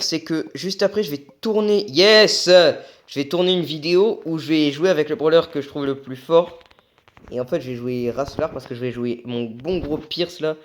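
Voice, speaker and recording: Excitable, raging gamer guy, higher-pitched voice. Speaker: gaming video creator. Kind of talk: casual gameplay commentary.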